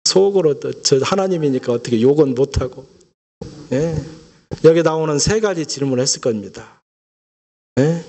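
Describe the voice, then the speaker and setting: A man's voice: on the high side, lively intonation, moderate pace, pauses often, dark tone. A male pastor preaching a Sunday sermon, telling a story and asking the congregation questions.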